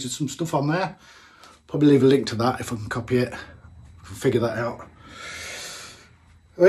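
A man, chatting casually as he tastes a homebrewed beer in a small home brewing room, thinking aloud with plenty of fillers. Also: mid-range voice. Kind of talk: casual tasting vlog.

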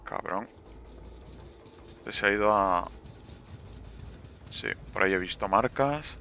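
A man's voice: fairly low pitch, takes it slowly, pushed and bright, a little hiss or hum. A young man commenting live on his gameplay, swearing and taunting the other players.

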